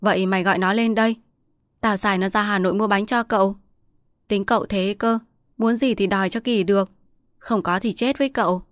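A woman's voice: medium pitch, steady tone, a little fast, dry recording, studio quality, close to an everyday voice. A woman storyteller voicing a district chief's wife, an indulgent mother who coaxes her child and bosses her servants. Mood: commanding. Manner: coaxing, bossy to servants.

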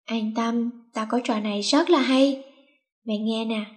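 A woman's voice: a little high, fairly even intonation, measured pace, close to an everyday voice. A woman voicing a cunning teenage schoolgirl who bosses her friends and plays sweet to get her way. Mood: sassy. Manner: bossy, mock-sweet when acting.

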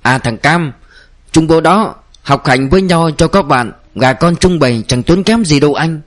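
A man voicing a jovial, smooth-talking provincial mandarin who persuades in a genial tone. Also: a little high, expressive, moderate pace.

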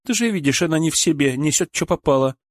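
A man's voice: on the high side, expressive, fast, dry recording, clean studio sound, voice pushed up, lightly acted. A man voicing a worried, soothing wife. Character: anxious caring wife trying to calm others.

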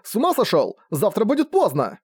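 A man's voice: on the high side, lively intonation, quick pace, a little mellow, no echo, clean studio sound, voice pushed up, close to an everyday voice. A man voicing a pushy young man who keeps begging his younger brother for a favor in a wheedling, whiny way. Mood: pleading.

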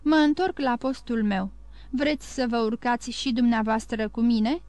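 A woman's voice: on the high side, darkish tone, no echo, lightly acted. A woman reading a humble old telegraph keeper. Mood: plain. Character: humble 55-year-old male telegraph keeper, contented gardener.

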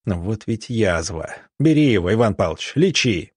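A man voicing a gruff, quick-tempered army ensign who scolds and threatens. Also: lowish voice, sing-song, dry recording, studio quality.

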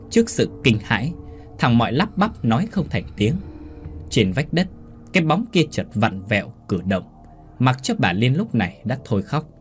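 A man narrating a horror story in a dramatic, expressive storytelling manner. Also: mid-range voice.

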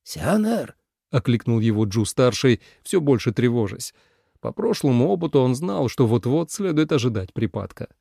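A man giving expressive scripted narration of a storybook. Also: mid-range voice, normal speed, vocal fry, no room sound, clean studio sound. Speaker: audiobook narrator.

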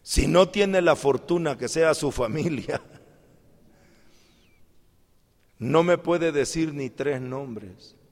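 Slow-preaching man in a reverberant hall. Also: on the high side. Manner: acts out little dialogues, swings from loud outbursts to quiet asides. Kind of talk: sermon.

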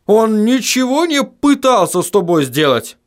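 A man voicing a gruff male dwarf who barks questions and orders in a storybook reading. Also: high voice, very animated, a little slow, pitched above the performer's own voice. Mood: barking worried. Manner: barking orders.

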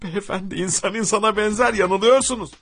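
A man's voice: high voice, fast talker, a bit bright, slightly rough, faint music behind, voice pushed up. A man voicing a timid, polite stranger who stammers and pleads through tears. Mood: pleading.

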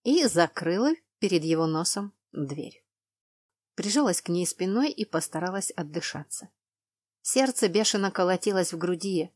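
A woman narrating a novel in the first person in an even, measured way. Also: fairly low pitch, dry recording, clean studio sound. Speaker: audiobook narrator.

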